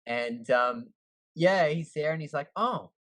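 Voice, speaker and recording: An Australian man being interviewed, telling stories in a relaxed, easygoing way with plenty of fillers. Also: fairly high pitch, measured pace, no room sound, low-quality recording. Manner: laid-back, easygoing, lots of fillers. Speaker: guest. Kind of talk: casual storytelling.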